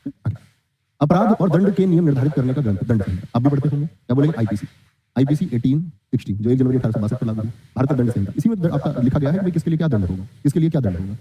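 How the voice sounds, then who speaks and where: Young guy teaching an online class super fast, quizzing, bit muffled audio. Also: on the high side. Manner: quizzing, answers his own questions, reads student comments. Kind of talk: online exam-prep class. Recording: dull lo-fi sound.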